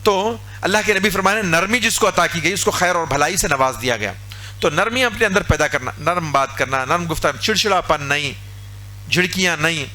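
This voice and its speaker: A man preaching a sermon in a mosque, lively and conversational, acting out everyday scenes. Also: fairly high pitch, a little hiss or hum. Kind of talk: Urdu sermon.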